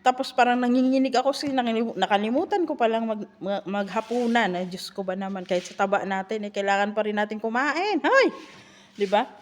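A woman's voice: fairly high pitch, fast. Chatty woman, nanny vlogger. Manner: chatty, animated storytelling with rhetorical asides. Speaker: live-in nanny. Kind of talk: casual vlog monologue.

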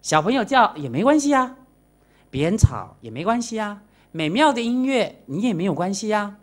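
A woman's voice: medium pitch, normal speed. A Buddhist nun giving a dharma lecture to a live audience, asking her listeners questions and mixing in the odd English word. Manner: animated, acts out quoted voices and asks the audience questions; mixes in English words.

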